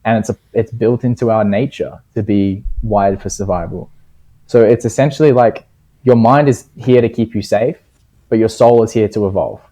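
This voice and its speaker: A man with a low, mellow voice speaks in a calm, earnest, coaching manner, dropping in casual slang. His tone stays reflective and steady. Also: normal speed. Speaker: podcast guest. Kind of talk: reflective conversational advice.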